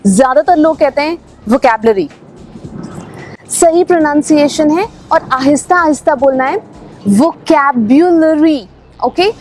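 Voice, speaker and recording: A woman gives a scripted pronunciation lesson. She speaks high and unhurried, spelling each word out before saying it carefully. Faint music plays under her voice. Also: darkish tone. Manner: spells words letter by letter, then says them slowly. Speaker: English pronunciation teacher.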